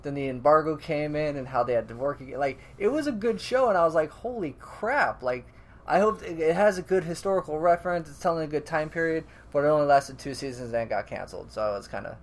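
A man's voice: fairly high pitch, lively intonation, quick pace. A man co-hosting a podcast in casual chat, rambling and restarting his sentences, often laughing. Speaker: podcast co-host.

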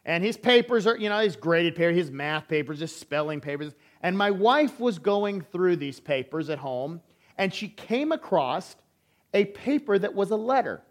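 A man's voice: high-pitched, animated, moderate pace. A man preaching a sermon in a church as an elder, telling stories and acting out family conversations. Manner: storytelling, acts out family dialogue.

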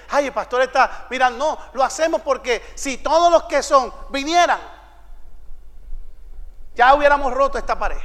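A man preaching a sermon as a pastor to his congregation in a church, building to emphatic shouted declarations and bantering playfully with the listeners. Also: very high voice. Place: church sanctuary. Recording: long hall reverb.

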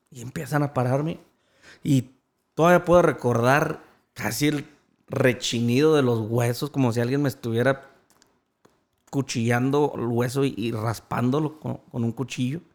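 A man's voice: mid-range voice, steady tone, moderate pace. A man, an interview guest earnestly retelling a personal story and quoting the voices of others.

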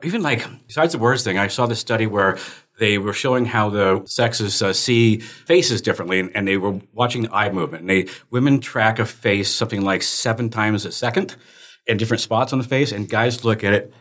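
A man's voice: lowish voice, brisk, a bit bright. A man who is a commercial real estate agent, chatting casually as a podcast guest, rambling with laughs and restarts. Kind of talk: casual chat.

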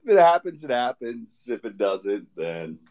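Easygoing male host, mid-pitched voice, rambling casual chat. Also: measured pace. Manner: relaxed, rambling with fillers. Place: festival event in Austin.

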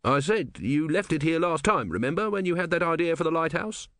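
A man's voice: a little high, animated, fairly quick, fairly bright tone, no echo, clean studio sound, pitched above the performer's own voice. A man voicing a patient, indulgent middle-aged male potter.

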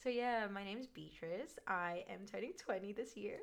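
A woman's voice: mid-range voice, normal speed, vocal fry, raised voice. A young woman from Australia, co-hosting a casual podcast in a giggly, agreeable way. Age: young adult. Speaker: podcast co-host. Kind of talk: casual chat. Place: small room at a table.

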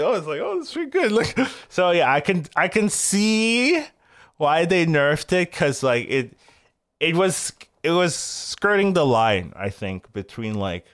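An excitable man rambles through a casual gaming podcast chat, his pitch leaping up and down as he gets worked up. His voice sounds dry and close, with laughs breaking in. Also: dry recording. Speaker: co-host discussing game patch.

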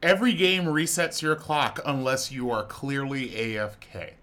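A man co-hosts a laid-back card game podcast in a medium-pitched voice. His tone is bright and forceful, and he teases his co-host with playful questions. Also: moderate pace. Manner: playful, laughs often, teasing questions. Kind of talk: casual chat.

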